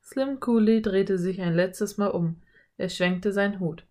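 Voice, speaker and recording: A woman reading a children's story as narrator in an even storytelling manner. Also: mid-range voice, unhurried. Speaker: audiobook narrator. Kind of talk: scripted narration.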